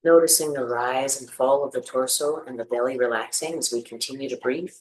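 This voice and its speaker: Guiding a meditation practice, this teacher speaks in a medium pitch with a soothing, gentle manner, pausing between each instruction. The pace runs a little fast, and the recording is rough.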